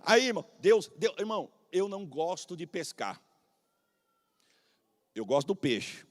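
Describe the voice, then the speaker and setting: A Brazilian man in his forties, a pastor preaching a sermon, swinging between shouted proclamation and hushed, humorous storytelling. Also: a little high, sing-song, unhurried, in a large hall. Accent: Brazilian Portuguese. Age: 40s. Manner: humorous, folksy anecdotes.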